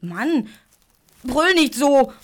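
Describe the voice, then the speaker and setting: A woman voicing a practical, teasing young boy in a children's radio play who sounds lively and exasperated. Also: high-pitched, very slow, breathy edge, full character voice. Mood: defensive.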